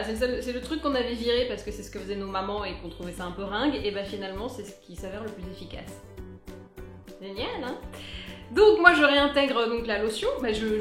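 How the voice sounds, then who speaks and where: A young beauty vlogger gives a casual review, playful and chatty, occasionally slipping into sung asides. Her voice is a little high, and she's in an echoey room with faint music in the background.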